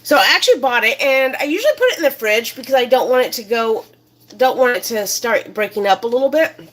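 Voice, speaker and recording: A woman's voice: a little high, lively intonation, fast, a bit bright. Chatty woman hosting a home cooking show. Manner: chatty and rambling, many fillers. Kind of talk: casual cooking demonstration. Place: home kitchen.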